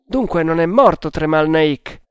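A man's voice: fairly high pitch, lively intonation, measured pace, smooth, dry recording, pitched above the performer's own voice. A man voicing a bold, desperate Indian hunter with an urgent, raised delivery in an audiobook. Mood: questioning. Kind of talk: audiobook character voice.

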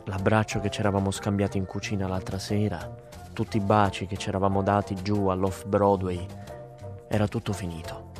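A man narrating a story as an audiobook, in a calm, measured way. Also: low-pitched, over music.

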